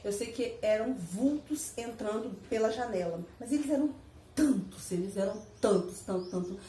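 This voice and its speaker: A woman casually telling her viewers a personal story, animated and repetitive, laughing as she goes. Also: mid-range voice, moderate pace, a little hiss or hum. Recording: echoey room, mic at a distance.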